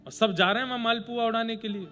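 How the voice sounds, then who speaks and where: Man, high voice, humorous devotional storyteller, faint music behind. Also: quick pace. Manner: humorous, animated, with playful asides. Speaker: religious storyteller.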